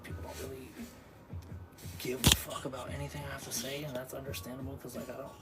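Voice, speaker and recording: A man talks casually into his live stream, drifting through a reflective, profane ramble packed with fillers. Loud music plays behind him the whole time. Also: mid-range voice, flat delivery, fast talker, poor audio. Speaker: livestreamer.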